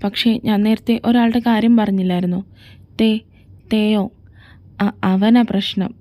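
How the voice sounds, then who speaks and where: A woman voicing a patient young man who reasons gently with his friend in a fan audio drama. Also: mid-range voice, steady tone, unhurried, close to an everyday voice. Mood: calm.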